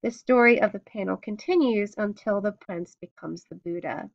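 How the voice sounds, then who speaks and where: Woman art history lecturer, halting and filler-heavy delivery, mid pitch, lo-fi recording. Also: vocal fry. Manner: hesitant, many ums and restarts. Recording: dull lo-fi recording.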